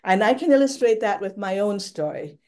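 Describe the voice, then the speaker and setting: A woman's voice: medium pitch, lively intonation, fairly quick, a little mellow. Older woman telling her story on a video call. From Thailand. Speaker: panelist. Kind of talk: prepared personal remarks on a webinar. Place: home room, indoors.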